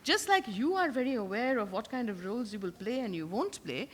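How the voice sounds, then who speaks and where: A woman's voice: fairly high pitch, expressive, fairly quick, breathy edge. A woman speaking analytically and without a script as a panellist in a public discussion.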